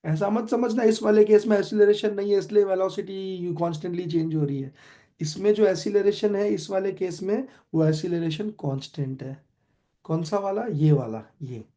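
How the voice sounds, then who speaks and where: A man's voice: sits high, moderate pace, warm tone. A young adult man with an Indian accent teaching a physics class, quizzing students as he goes and mixing Hindi with English. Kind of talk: online class lecture.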